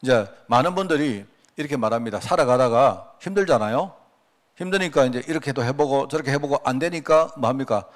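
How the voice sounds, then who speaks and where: A man's voice: medium pitch, animated, fairly quick. A man, a pastor, preaching a sermon in a conversational way, asking his congregation rhetorical questions and acting out quoted prayers. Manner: acts out quoted prayers and remarks.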